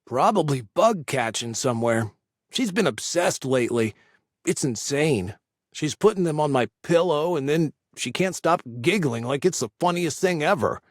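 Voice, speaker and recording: A man's voice: on the high side, animated, normal speed, no room sound, clean studio sound. An offhand teenage boy, blunt and easygoing, read by a male narrator. His talk is casual and slightly raised, like a kid chatting in the backyard in a storybook reading.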